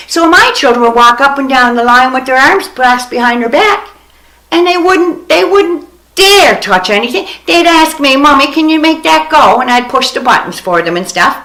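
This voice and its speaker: High-voiced blunt older woman ranting. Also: fairly bright tone. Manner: blunt, swears freely, scolding. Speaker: vlogger. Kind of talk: ranting storytelling monologue. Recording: echoey room.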